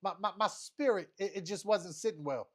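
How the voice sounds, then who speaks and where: A man livestreaming a casual storytime rant, animated and profane, repeating phrases for emphasis. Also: high-pitched, a little fast. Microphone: streaming setup mic.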